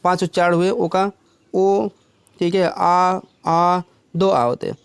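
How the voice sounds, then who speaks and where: A man's voice: sits high, flat delivery, takes it slowly, creaky, clear, resonant tone, dry recording. A man teaching English, explaining step by step and often checking that his students follow. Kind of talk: classroom lesson.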